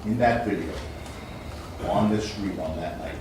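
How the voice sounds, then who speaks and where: A man cross-examining a witness as a lawyer in court, deliberate and insistent. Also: low-pitched. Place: large indoor courtroom. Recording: noisy, very echoey courtroom, distant mic.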